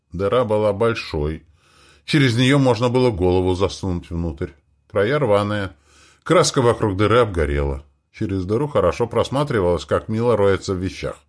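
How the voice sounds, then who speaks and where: A man reading a first-person science fiction audiobook with animated storytelling. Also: lowish voice. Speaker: audiobook reader.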